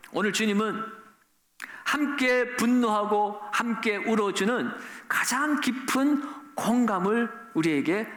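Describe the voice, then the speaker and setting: High-voiced pastor preaching in an echoey church. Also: male voice, a bit bright. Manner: earnest preaching, often asks the congregation rhetorical questions. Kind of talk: sermon. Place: church sanctuary.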